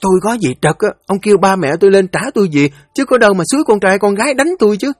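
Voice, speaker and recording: A man voicing a sharp-tongued young daughter-in-law, shrill and accusing. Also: quick pace, dry recording, studio quality, faint music behind, lightly acted. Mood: defiant.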